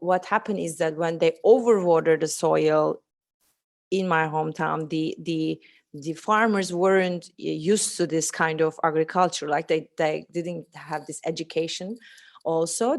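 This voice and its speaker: A Turkish woman in her thirties, speaking English, presents her art project as an artist and photographer guest, with many fillers and restarts. Her voice is on the low side and a little mellow.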